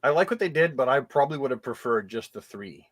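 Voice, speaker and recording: A man in casual chat, reacting to a trailer with a jokey, animated delivery. His pitch rises and falls freely, and he laughs easily between remarks. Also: quick pace. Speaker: podcast co-host.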